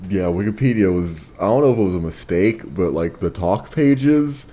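Low-voiced easygoing man. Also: expressive, moderate pace, dark tone. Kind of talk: comedic podcast banter.

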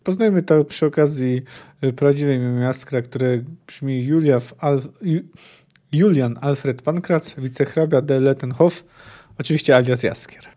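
A man hosting a book podcast who talks in a hesitant, digressive way, filling his pauses with many "e" sounds. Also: medium pitch, dark tone. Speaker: podcast host.

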